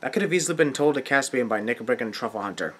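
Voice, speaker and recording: A man giving sarcastic scripted commentary, nitpicking with mocking, deadpan asides. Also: medium pitch, very fast. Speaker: host of a film nitpicking video. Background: film soundtrack music.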